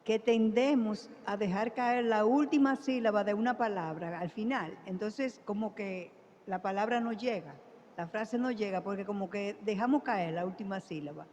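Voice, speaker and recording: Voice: mid-range voice, moderate pace, darkish tone. A participant speaks up during a parish course and explains a point after a hesitant start. The voice carries a long hall reverb. Faint noise sits underneath. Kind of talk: classroom remark.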